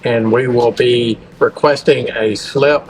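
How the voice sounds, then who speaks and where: A man's voice: medium pitch, fairly even intonation, slow pace. Man making a marine radio call, noisy background. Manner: procedural, repeats names. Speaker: sailor, vlog host. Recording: noisy, on a boat.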